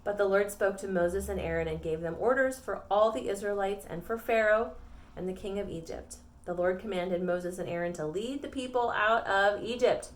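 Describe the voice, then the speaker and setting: A middle-aged woman teaching a children's Bible lesson with props, animated and playful, talking directly to the kids. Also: mid-range voice. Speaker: Sunday school teacher.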